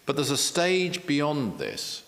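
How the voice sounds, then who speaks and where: A man's voice: on the high side, wildly swooping pitch, takes it slowly, a bit bright, in a large hall. A man, a spiritual teacher and author, explaining in an earnest interview style, repeating key phrases with self-deprecating asides.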